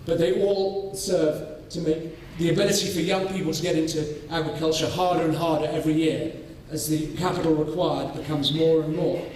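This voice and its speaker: A man from North Wales, giving a conference presentation on his farming study, measured and full of ums and restarts. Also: a little high, fairly even intonation, a little mellow, slight background noise. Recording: echoey hall, voice from far off.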